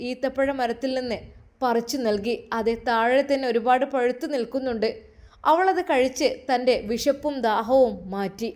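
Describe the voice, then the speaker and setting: High-voiced woman telling a story. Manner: expressive, emotional narration. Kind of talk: dramatic story narration.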